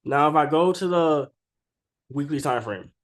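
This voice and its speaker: A man who has a cold talks through trading charts in a slightly high voice at a measured pace. His commentary is casual and unscripted, slangy and informal, with "right?" tagged onto his statements again and again.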